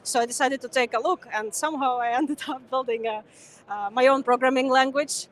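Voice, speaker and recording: A young woman whose first language is Ukrainian, a former speaker now appearing as a conference guest, talks casually and hesitantly in an interview with many fillers. The setting is a busy conference venue, and her high-pitched voice is brisk with a steady tone.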